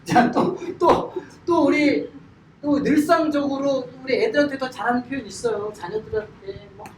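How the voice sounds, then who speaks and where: A man's voice: very high voice, brisk. A middle-aged man leading a Bible study lecture, quizzing his class and acting out everyday sayings. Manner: animated, questions the class and acts out everyday sayings. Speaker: Bible teacher. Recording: echoey room, distant mic, clear background noise.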